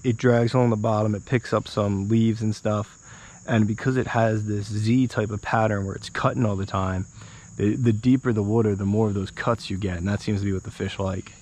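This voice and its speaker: A slightly mellow, lowish voice belongs to this American fishing vlogger in his thirties, casually and folksily addressing viewers by a small creek in the woods. An action camera records him, along with insects and the surrounding outdoor ambience.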